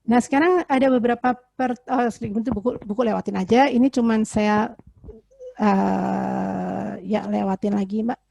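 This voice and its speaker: Woman, psychologist, casual webinar talk, mellow voice, dry sound. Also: medium pitch, fairly even intonation, normal speed, creaky, dry recording. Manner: chatty, explains with everyday examples and rhetorical questions. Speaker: child psychologist presenter.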